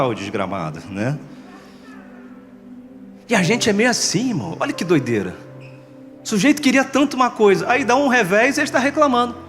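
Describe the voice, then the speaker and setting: A man's voice: high-pitched, a bit bright, in a large hall. A man from Brazil preaching a sermon as pastor, joking and acting out the voices of people who complain. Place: church sanctuary.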